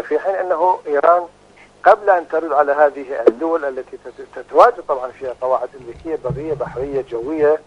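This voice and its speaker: A man talking as the expert guest over a phone line, giving measured, emphatic analysis with frequent hesitations. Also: medium pitch.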